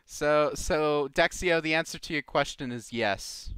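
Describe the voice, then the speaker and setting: A man hosts a live community Q&A podcast, reading out questions and commenting loosely in a casual, informal way. His voice is a little high, smooth and fairly bright in tone, a little slow, with no echo.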